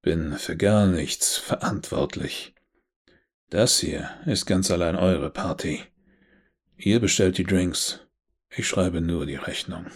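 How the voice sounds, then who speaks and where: Guy doing a chill smug devil, low husky voice, slow and quiet, storybook read. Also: animated, heavily acted. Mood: calm, amused. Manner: unhurried, quiet and sly. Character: calm amused world-weary devil with wings, male.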